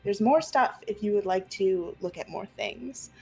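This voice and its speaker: A woman's voice: medium pitch, measured pace, vocal fry, mellow, slightly rough, low-quality recording. Woman game master improvising over faint music. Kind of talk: narrating an online tabletop roleplaying game. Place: room at home, on a group video call.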